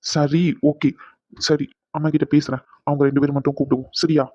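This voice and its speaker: A man's voice: fairly high pitch, little pitch movement, a little fast, a little mellow, no room sound, natural voice. A man voicing an irritated young husband in a cartoon, exasperated and pleading by turns, on a dull lo-fi recording. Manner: exasperated, pleading then snapping.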